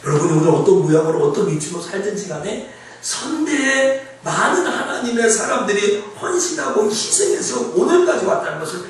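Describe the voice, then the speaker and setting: A male pastor preaching a sermon in a church sanctuary, conversational and animated, often asking the congregation questions, recorded from far off in an echoey hall. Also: sits high, a little fast, few pauses, slight background noise.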